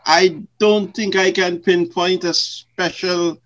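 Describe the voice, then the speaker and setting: An older man from Guyana, a retired pastor, answering interview questions in slow, measured, formal phrasing. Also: sits high, fairly even intonation, a bit bright, highs cut off.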